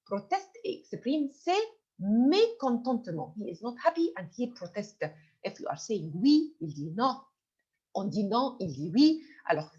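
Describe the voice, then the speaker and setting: A woman with a slightly high, somewhat mellow voice and a breathy edge gives an online French lesson. Patient and repetitive, she explains words and regularly shifts into English, while the recording has a dull lo-fi quality.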